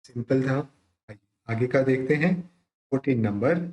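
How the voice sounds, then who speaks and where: Patient male chant teacher, slow measured delivery, echoey room. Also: mid-range voice, a little mellow. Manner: explains patiently, then recites verses slowly in a drawn-out chant. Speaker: Sanskrit hymn recitation teacher. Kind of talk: pronunciation lesson with slow chanted recitation.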